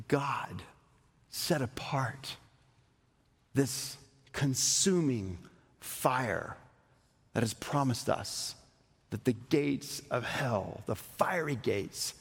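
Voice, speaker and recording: Slow, gravelly-voiced preacher in a hall. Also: male voice, mid-range voice. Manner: slow, emphatic preaching with dramatic pauses. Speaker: pastor. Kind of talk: sermon. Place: church sanctuary.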